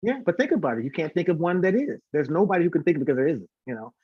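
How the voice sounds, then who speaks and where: On a dry recording with the highs cut off, a man with a breathy voice on the high side talks rapid-fire with big pitch swings. He's a chatty singer and concert organizer appearing as a casual interview guest, prone to repeating words for emphasis.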